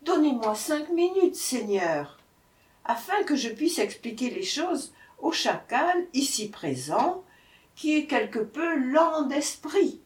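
A woman's voice: high voice, sing-song, takes it slowly, pitched above the performer's own voice, heavily acted. A woman voicing a timid, frightened man pleading meekly in a storybook tale. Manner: pleading, meek. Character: timid, frightened male brahman. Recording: echoey room, voice from far off.

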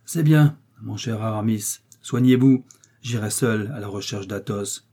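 A man's voice: fairly low pitch, unhurried, dark tone, slightly rough. A man voicing D'Artagnan, a bold, teasing young male musketeer, in a read French novel.

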